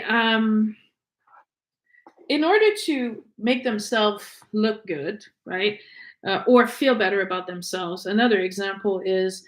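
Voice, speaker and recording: A woman whose first language is French hosts a podcast, candidly telling personal stories in a conversational way with frequent fillers and restarts. Her voice is medium-pitched and a bit bright.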